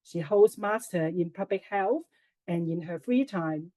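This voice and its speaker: A woman moderating a webinar, reading a prepared introduction in a measured, formal way over a video call microphone. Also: fairly low pitch, mellow, no room sound, low-quality recording.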